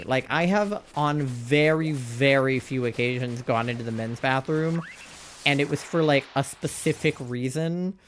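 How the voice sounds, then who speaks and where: With a mid-range voice and a bit of background noise, a young man chats casually during a game stream. His candid, rambling talk is full of "like" and exasperated rhetorical questions.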